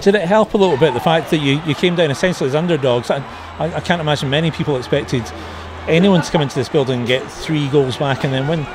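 Brisk male sports interviewer. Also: fairly high pitch, noisy background. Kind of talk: post-match interview questions.

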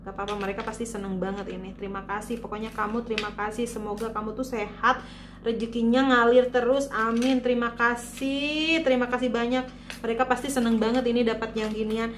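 A woman's voice: a little high, level tone, a little fast, reverberant, faint music behind. A woman from Indonesia chatting casually in a vlog, showing things she bought to the camera. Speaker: vlogger.

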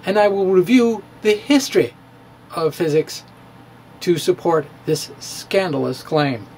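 A high, slightly mellow voice belongs to a middle-aged physics blogger giving a dramatic reading of his blog in a room at home. He speaks playfully and theatrically into a studio mic, with pauses and dips, and a little hiss or hum sits under the audio.

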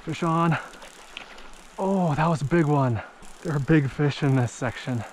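At a small creek in an open mountain valley, a fishing vlogger in his thirties talks through his trip and gets excited, exclaiming whenever a fish bites. His voice is fairly high and a little slow, with slight background noise on the head-mounted action camera audio.

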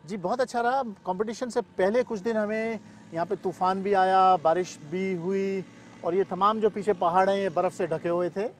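The interview guest is a middle-aged paragliding pilot and event weather expert whose voice sits high, with fairly even intonation and normal speed. He responds outdoors, dropping English terms into his answers. Around him is an open grassy mountain field, captured clearly along with ambient outdoor noise.

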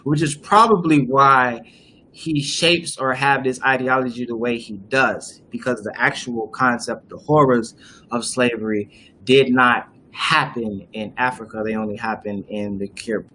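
This young man, hosting a casual live video call, talks unhurriedly in a medium-pitched, steady voice that comes across pushed and bright. He explains at length with plenty of fillers and restarts, and his webcam picks up slight background noise.

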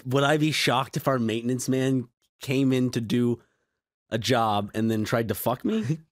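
A man's voice: medium pitch, dry recording. Sarcastic podcast co-host man. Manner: sarcastic, quick deadpan quips. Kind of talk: casual chat.

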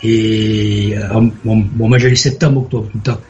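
A man from southwest France calling in to a radio show, telling stories in an excitable, effusive way. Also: fairly low pitch, normal speed, muffled recording, soft background music. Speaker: caller. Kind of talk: phone-in chat.

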